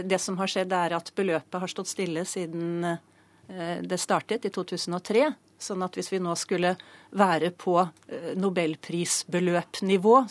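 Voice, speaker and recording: A woman's voice: on the low side, dry recording. A woman professor chairing a prize committee, explaining her field in a studio news interview with frequent hesitations and fillers.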